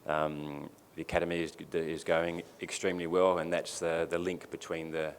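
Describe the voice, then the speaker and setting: A male club official moderates a press conference and answers a question in a loose way. His voice sits low with little pitch movement, at a moderate pace. The room is distant and reverberant, with faint noise.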